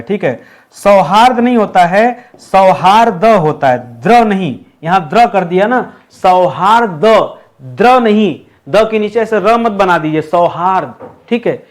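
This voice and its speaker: High-pitched male teacher, lively exam-prep lecture delivery, repeats key words slowly. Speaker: Hindi teacher. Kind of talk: online exam-prep lesson.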